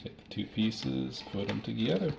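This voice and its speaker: A man's voice: medium pitch, animated, normal speed, gravelly. A man narrating his daily routine at home in a plain, matter-of-fact way, talking through each step as he goes. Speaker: vlogger. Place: at home, kitchen. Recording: loud background noise.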